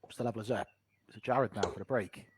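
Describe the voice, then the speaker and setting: A man's voice: fairly low pitch, fast talker. A man giving live sports commentary on a darts match. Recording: very noisy live stream sound.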